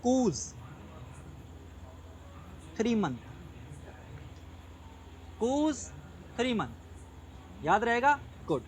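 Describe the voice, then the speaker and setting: In an online lecture, a man repeats and drills key points, checks understanding frequently, and slips in English terms. He speaks extremely slowly with frequent pauses, in an extremely high voice with big pitch swings. The low-quality recording carries slight hiss or hum.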